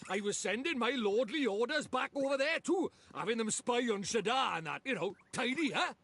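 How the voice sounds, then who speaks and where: A man's voice: extremely high pitch, lively intonation, brisk, a bit bright, full character voice. An actor playing a cheeky little male fairy lord with a Welsh accent, chatty and teasing in a video game.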